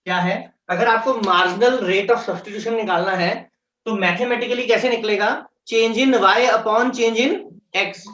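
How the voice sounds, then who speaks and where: A man teaching economics, explaining step by step and slowly repeating key terms. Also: high-pitched, steady tone, fairly bright tone, a little hiss or hum. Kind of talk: classroom lecture mixing Hindi and English. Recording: echoey room, distant mic, dull sound.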